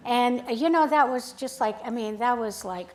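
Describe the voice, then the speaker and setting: A woman photographer giving a casual, storytelling talk at an art club, chatty and animated, acting out the dialogue she recalls. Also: fairly high pitch, moderate pace. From United States, grew up in Sacramento. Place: art club event room. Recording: echoey room.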